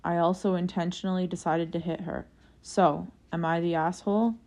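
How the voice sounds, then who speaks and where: A woman reads a first-person forum post aloud as a steady story, at a moderate pace. Her voice sits slightly low, and she holds an even narrating manner from start to finish.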